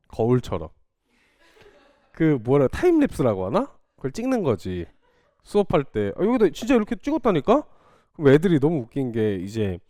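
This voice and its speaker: Teasing, lively Korean math tutor man. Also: mid-range voice, dry recording, studio quality. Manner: teasing, chatty, scolds students playfully. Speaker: math academy teacher. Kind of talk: casual classroom lecture. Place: small classroom.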